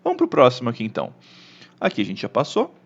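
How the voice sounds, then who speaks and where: A man with a Brazilian Portuguese accent teaching an English lesson online, animated, often checking in with the listener. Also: mid-range voice, fast, creaky, breathy edge, lo-fi sound.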